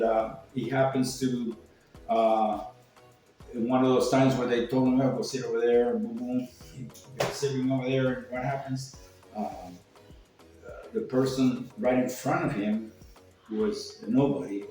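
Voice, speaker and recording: Steady in tone and moderate in pace, an older Cuban man's mellow, medium-pitched voice carries casual personal stories. He rambles, gets salty, and acts out what others said, in an echoey room captured by a distant mic with faint music.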